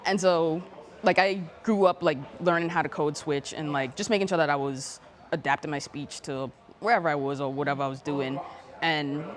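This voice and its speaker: A woman's voice: sits low, slight background noise. A young woman from the Bahamas with a light Bahamian accent, a guest telling stories in a casual interview. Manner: quick, animated storytelling. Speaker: guest athlete.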